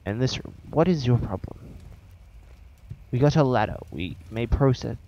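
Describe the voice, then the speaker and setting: A man's voice: medium pitch, expressive, normal speed, mellow, muffled recording, slight background noise. A man with an accent commentating his own horror game play, swearing and joking as he talks to the game. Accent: non-standard, says he has an accent. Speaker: gameplay commentator.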